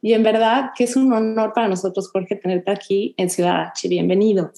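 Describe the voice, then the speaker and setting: A woman's voice: medium pitch, steady tone, normal speed, gravelly, dark tone. A woman hosting a podcast who introduces her guest and asks questions in a friendly, enthusiastic way. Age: adult mother. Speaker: podcast host. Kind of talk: casual interview.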